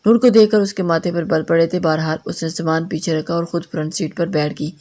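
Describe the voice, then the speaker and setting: A woman reading a romance novel aloud as narrator, steady with small slips and restarts. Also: lowish voice.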